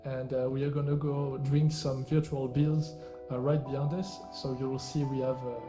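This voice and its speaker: A man hosting a live talk show, briskly firing off either-or questions and moving on with short "all right" transitions. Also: medium pitch, level tone, music in the background. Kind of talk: rapid-fire quiz questions in a live virtual reality talk show.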